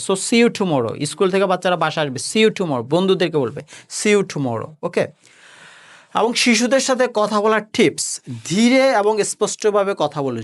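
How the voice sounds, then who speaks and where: A man with a Bangladeshi Bengali accent gives an instructional talk to parents. His voice sits fairly high, and he repeats each point and slips English words and phrases into his speech.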